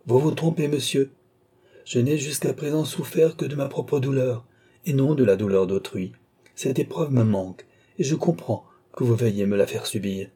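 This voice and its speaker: A man's voice: medium pitch, moderate pace, dark tone, slightly rough, lightly acted. A man voicing a desperate, bitter young woman held captive, pleading and accusing in a raised voice. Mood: anguished. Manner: bitter, pleading, rising into outbursts.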